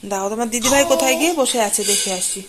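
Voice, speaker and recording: A woman's voice: on the high side, fast talker, very noisy. A woman in her thirties talking to her young children in a home vlog, switching between sing-song baby talk and playful scolding. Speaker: mother.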